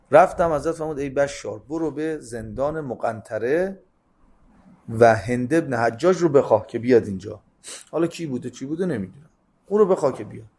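A fairly high-pitched man delivering a sermon as a story. He recites a line of old Arabic text, then explains it in everyday, chatty language. His voice keeps rising into loud, emphatic bursts and then dropping into quiet side remarks. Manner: reads Arabic lines, then retells them in casual colloquial speech; lively, swings between loud emphasis and soft asides. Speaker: religious lecturer. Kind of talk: sermon-style hadith storytelling.

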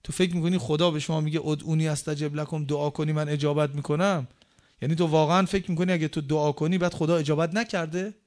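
A man delivers a sermon in a voice pitched a little higher than most. He questions his listeners rhetorically and recites scripture slowly and deliberately. His emphasis rises and falls sharply, loud on key words and dropping to near quiet at the ends of points. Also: steady tone. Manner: emphatic swings in pitch and loudness. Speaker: preacher.

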